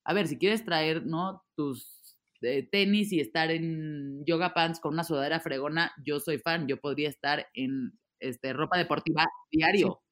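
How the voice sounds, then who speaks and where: This interview guest is a woman in her 30s with a low, unhurried voice that rarely pauses. The conversation is casual; she's talkative and lively, tending to drift off mid-thought and begin again.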